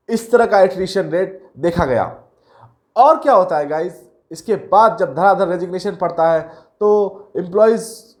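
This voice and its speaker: A man's voice: high-pitched, darkish tone. A man hosting a career video, explaining things to his viewers in a chatty way and mixing in English terms. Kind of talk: casual explainer talk to viewers.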